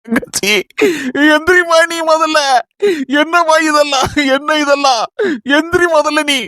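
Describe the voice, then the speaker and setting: A man playing a gentle older brother who keeps pleading with his sister to get up and stop blaming herself, in a homemade family skit. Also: very high-pitched, fairly even intonation, measured pace, exaggerated voice. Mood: soothing. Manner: pleading, soothing, repeating endearments.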